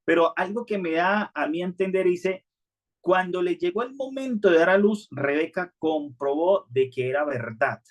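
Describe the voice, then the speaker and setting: Earnest pastor preaching, fairly high voice. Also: male voice, expressive, normal speed. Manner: earnest, conversational preaching with many restarts. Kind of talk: sermon.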